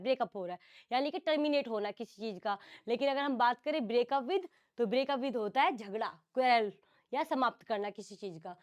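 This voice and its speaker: Woman teacher, high voice, online class, explains each term twice in two languages. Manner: explains phrasal verbs, calls on students by name, repeats words in English and Hindi. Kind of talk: online exam-prep class.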